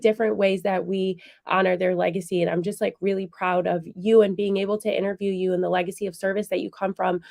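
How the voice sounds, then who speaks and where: A woman hosting a college radio interview, enthusiastic and animated, with many fillers and "like"s. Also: medium pitch, vocal fry. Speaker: radio show host. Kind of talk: conversational interview.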